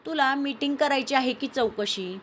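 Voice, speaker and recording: Woman narrator doing young male boss, calm, stern, dry, firm, higher voice. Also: normal speed, slight background noise, close to an everyday voice.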